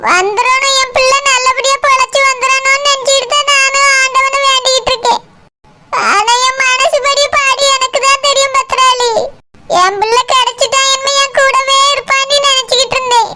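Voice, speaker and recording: A woman's voice: very high voice, steady tone, normal speed, heavily acted. A woman voicing a grieving middle-aged village mother who laments tearfully, with a Kanyakumari Tamil accent. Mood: worried. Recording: loud background noise.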